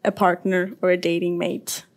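A woman in her twenties, from Ethiopia, moderating a live panel discussion with relaxed, frequent agreeing murmurs. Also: lowish voice, moderate pace. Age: 20s. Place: live event venue.

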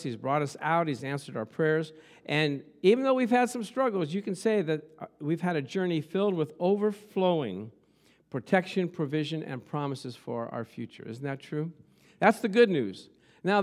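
High-voiced male preacher, emphatic and conversational. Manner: emphatic, with repeated phrases and rhetorical questions. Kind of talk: conversational motivational sermon to a congregation.

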